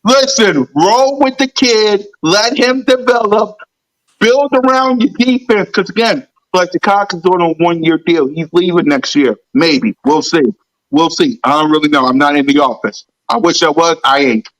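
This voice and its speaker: A man co-hosting a casual sports podcast, talking football in an animated, mocking way that slows to a drawl at times. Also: sits high, low-quality recording. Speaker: podcast co-host.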